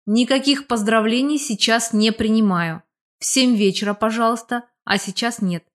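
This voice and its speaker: A woman's voice: on the high side, moderate pace, lightly acted. Woman voicing a cheerful, teasing young man. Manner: playful, jokingly bossy. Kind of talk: audiobook character voice.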